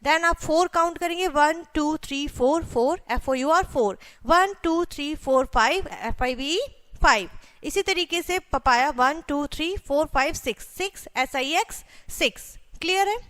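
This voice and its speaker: High-voiced woman teaching kids to count. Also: animated, unhurried, a bit bright. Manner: counts aloud and spells number names letter by letter; addresses children directly, frequent "theek hai" check-ins. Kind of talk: children's math lesson walkthrough.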